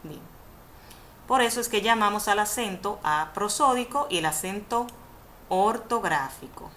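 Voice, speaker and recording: A woman's voice: medium pitch, expressive, a little slow, a bit bright. A woman teaching a university Spanish course over a webinar, explaining rules step by step and correcting herself as she goes. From Dominican Republic. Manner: didactic, repeats definitions, self-corrects with "perdón". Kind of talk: webinar lecture on Spanish spelling. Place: indoors, online video conference. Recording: faint background noise, webinar audio.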